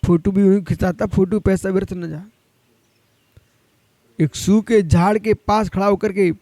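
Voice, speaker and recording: A man with a notably high voice delivers a monk's sermon, scolding and exhorting his listeners directly. His pitch climbs on emphatic points, and the sound is dry and close, with no room echo. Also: warm tone. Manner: admonishing, addresses listeners directly. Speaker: Jain monk.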